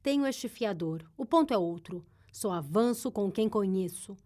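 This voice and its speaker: A woman's voice: medium pitch, animated, normal speed, a little mellow, natural voice. A woman reading a curt hired gunman. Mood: guarded. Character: cold, wary male hired gunman.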